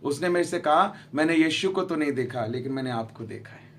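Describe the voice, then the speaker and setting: Pastor guy, punjab hindi accent, higher voice, tells his story and does all the voices, goes quiet at the emotional bits. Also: expressive, a little fast. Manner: storytelling, acts out dialogue, drops to hushed tones for emotional moments. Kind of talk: sermon testimony. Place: large prayer gathering.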